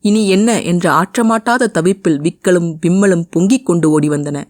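A woman narrating a romance audio novel with an expressive, emotive reading. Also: lowish voice, normal speed, no room sound. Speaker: storyteller.

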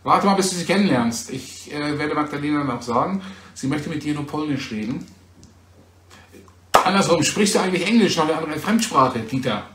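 A man from Germany chats with his viewers on a livestream recorded on a phone. His voice sits a little high, and he talks in a teasing, chatty way, often checking back with a quick "ja?". The room around him sounds echoey. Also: animated, background noise. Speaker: livestream host. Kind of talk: casual livestream chat answering viewers. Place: home in Poland.

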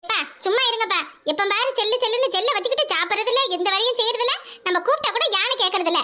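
A woman's voice: very high-pitched, very fast, sharp tone. A woman voicing an angry mother in a cartoon, nagging and threatening her son. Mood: scolding. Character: angry scolding village mother.

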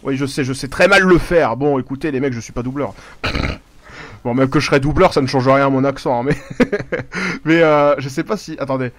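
A man's voice: mid-range voice, a little fast, no echo. A man giving casual live commentary over his gameplay, rambling, swearing a lot and breaking off to react to the game. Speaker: gaming YouTuber.

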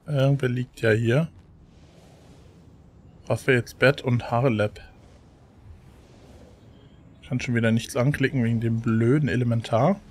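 A man's voice: mid-range voice, fairly even intonation, unhurried, long pauses, a little mellow. A man casually commenting on a role-playing game as he plays, sometimes reading text and choices aloud. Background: faint game music.

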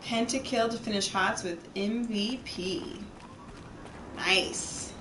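A woman's voice: mid-range voice, slow pace. A woman streamer joking and swearing as she plays a video game on a livestream. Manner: profane, playful, joking. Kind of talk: casual gameplay commentary. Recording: echoey, distant, noisy.

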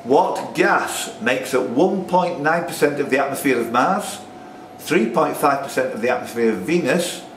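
With an animated, fairly bright mid-range voice, this older quizmaster, roughly 60s, moves at normal speed with few pauses as he reads questions and banters with players. Recorded indoors at a pub through a distant mic, there's echo, music, and a little hiss or hum.

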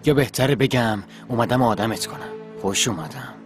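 A man's voice: mid-range voice, over music, close to an everyday voice. An actor dubbing a bossy, hot-tempered brother who threatens his sister. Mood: angry. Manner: domineering, threatening. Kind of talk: dubbed TV drama dialogue.

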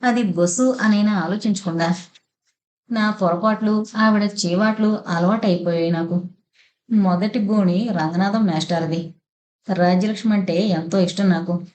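Brief: female audiobook narrator, steady storyteller, mid pitch. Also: normal speed, slight background noise. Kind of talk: scripted first-person story narration.

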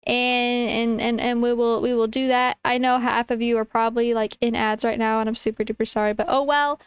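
A woman's voice: on the high side, flat delivery, brisk, clear, resonant tone, dry recording. A young woman livestreamer chatting casually to her viewers in a cutesy, informal, affectionate way. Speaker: livestreamer, VTuber.

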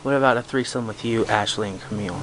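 A man's voice: lowish voice, fast talker. A young man interviewing a friend for his YouTube channel, joking cheekily and laughing often, outdoors. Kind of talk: casual chat. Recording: noisy outdoor recording.

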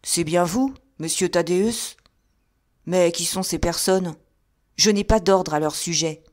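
A blunt, stubborn doorkeeper and former boxer, put on by a woman reading an audiobook. He speaks firmly and loudly in a lowish voice, hearty once won over. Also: takes it slowly. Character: gruff stocky male doorkeeper, former boxer.

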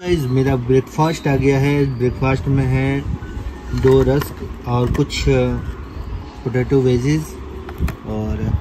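A man's voice: medium pitch, steady tone, slow pace, background noise. A young man chatting casually to viewers in a family home vlog. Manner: chatty, talks to viewers while walking through the house. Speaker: vlogger.

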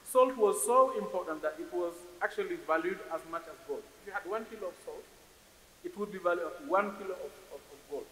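With a high, fairly bright voice and a slightly fast pace, a Senegalese investor in his forties addresses a conference panel. He speaks thoughtfully, repeating words as he searches for what comes next. Audio from the stage mic on a stand in a large hall has roomy reverb and a faint hiss.

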